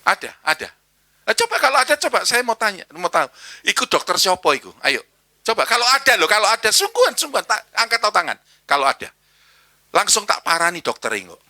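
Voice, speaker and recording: Animated East Javanese pastor preaching. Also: male voice, sits high, fairly quick, dry recording. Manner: animated, mixes Javanese slang, acts out voices. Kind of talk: sermon. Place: church.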